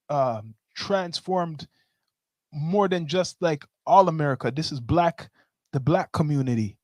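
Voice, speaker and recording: A man's voice: a little high, a little mellow, no echo. A man with a Toronto slang accent in a casual discussion, explaining his points step by step and often checking in with "right?". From Toronto, Canada.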